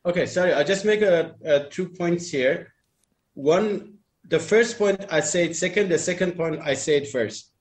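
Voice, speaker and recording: A man's voice: high-pitched, a little slow. A man chatting casually on a group call about dating, rambling with restarts and uneven phrasing. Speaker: dating talk panelist. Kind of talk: casual group chat, opinionated.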